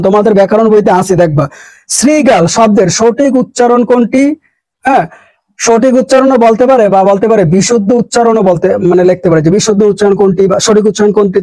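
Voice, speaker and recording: High-voiced man drilling exam answers. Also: a little mellow, no echo, poor audio. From Bangladesh. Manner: repeats questions and answers as drills. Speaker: teacher. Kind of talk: exam-prep grammar lesson.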